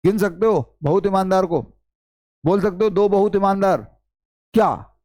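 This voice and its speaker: A man's voice: high-pitched, moderate pace, a little mellow, dry recording, studio quality. A man teaching an English lesson, quizzing students and repeating key points. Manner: repetitive questioning, addresses students as brother. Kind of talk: classroom-style lesson.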